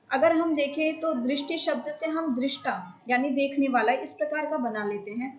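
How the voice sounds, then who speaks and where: A woman, an assistant professor of Sanskrit, lecturing in a slow, explanatory way with many pauses. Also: sits high. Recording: dull, lo-fi.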